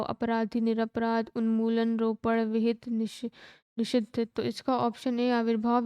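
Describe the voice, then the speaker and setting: A woman teacher running an exam-prep lesson, reading out questions and answer options at a steady, methodical clip. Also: on the high side, clear, resonant tone, dry recording. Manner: steady read-aloud of options, brisk and methodical.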